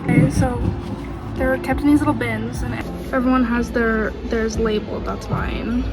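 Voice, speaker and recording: Casting: chatty, informal woman, high voice, casual backstage vlogger, music underneath. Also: steady tone, moderate pace. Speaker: theatre dresser vlogging backstage. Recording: music behind the voice.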